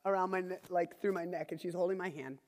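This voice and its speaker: A man's voice: high voice, fairly even intonation, fast talker, darkish tone. A man in his thirties preaching a sermon, telling a family story in an earnest, conversational way with frequent restarts. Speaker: pastor. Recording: long hall reverb.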